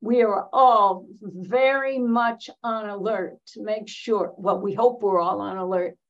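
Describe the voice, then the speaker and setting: An elderly American woman, seventies or older, speaking as an interview guest in a reflective, emphatic, deliberate way with pauses mid-sentence, on a slightly dull recording. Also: mid-range voice. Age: 70s or older. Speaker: interview guest, veteran feminist activist.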